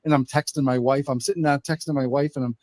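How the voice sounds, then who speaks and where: A man on a podcast telling a long, animated story with many restarts and acted quotes. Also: medium pitch, fast talker, no echo. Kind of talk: casual chat.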